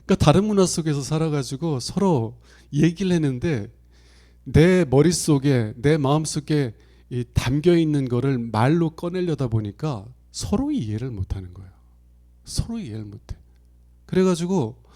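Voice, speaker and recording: Middle-aged male pastor, mellow voice, chatty storytelling sermon style. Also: medium pitch. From Chungcheong Province, Korea. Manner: conversational storytelling, acts out quoted lines with big swings in loudness. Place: church sanctuary.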